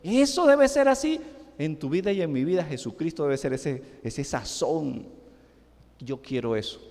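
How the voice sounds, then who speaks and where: A man's voice: fairly high pitch, animated, normal speed, a little mellow. A middle-aged man with a Venezuelan accent preaching a sermon in a church, emphatic and full of rhetorical questions. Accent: Venezuelan Spanish. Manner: emphatic, rising and falling sharply, with rhetorical questions. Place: church sanctuary. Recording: echoing church hall.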